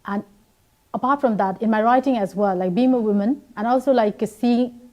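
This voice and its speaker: A woman's voice: fairly high pitch, moderate pace, lo-fi sound. A woman from Nepal in her thirties, guest in a live TV interview, answering thoughtfully with many fillers and restarts.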